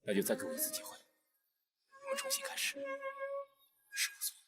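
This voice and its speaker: A man's voice: very high voice, wildly swooping pitch, measured pace, music in the background, full character voice. An actor playing a jealous, possessive young male tycoon who talks with intensity and turns to pleading in a TV drama. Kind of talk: TV drama acting.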